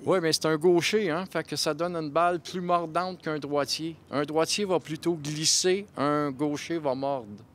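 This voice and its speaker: A man's voice: a little high, a little slow, hardly any pauses. A man with a Quebec French accent giving analytical live colour commentary on mini-putt, explaining shots and scores.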